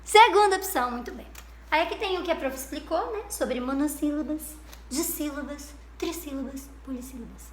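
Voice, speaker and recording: A woman's voice: high voice, expressive, fairly quick. A woman teacher with a Brazilian Portuguese accent gives a lesson to young children. She is patient and sing-song, stretching out syllables and praising the class. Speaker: primary school teacher. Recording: roomy echo.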